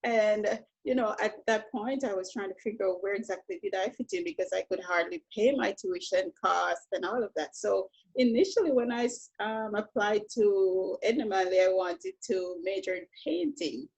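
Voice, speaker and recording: Husky-voiced woman painter. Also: medium pitch, normal speed, hardly any pauses, darkish tone, rough recording. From Jamaica. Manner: storytelling, reflective, frequent "you know" fillers. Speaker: painter, interview guest. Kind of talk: relaxed conversation.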